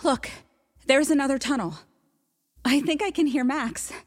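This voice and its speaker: Marks, a blunt, brave rescuer. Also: female voice, high-pitched, measured pace. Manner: direct, encouraging. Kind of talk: video game voice acting.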